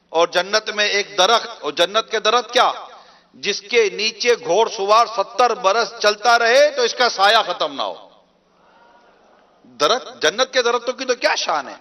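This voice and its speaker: A man's voice: very high-pitched, sharp tone. A man with a Pakistani Urdu accent giving a sermon, retelling a story and acting out its dialogue with rising emphasis. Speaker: preacher.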